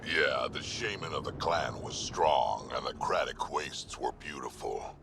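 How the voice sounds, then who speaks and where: An actor playing a grumpy, stubborn old male alien warrior in a video game, with a gruff, defiant delivery and a gravelly voice. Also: lively intonation, measured pace, full character voice. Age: older. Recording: noisy mix with game vehicle rumble.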